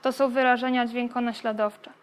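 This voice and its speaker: A woman's voice: on the high side, little pitch movement, normal speed, clean tone. A woman giving a spoken lecture on how young children learn to talk, explaining step by step with frequent fillers and checking questions. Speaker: lecturer on child speech development.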